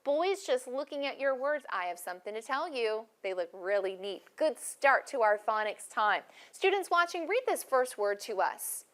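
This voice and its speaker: A woman's voice: on the high side, big pitch swings, a bit bright. Encouraging woman teaching a phonics class. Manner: clear, encouraging, slow teacher delivery. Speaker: first-grade teacher.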